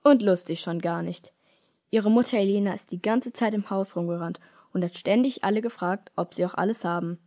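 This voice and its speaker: A woman from Germany reading aloud a children's story she wrote herself, in a lively storytelling manner. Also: medium pitch, a little fast. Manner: lively storytelling, switches into character voices. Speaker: author reading her own story.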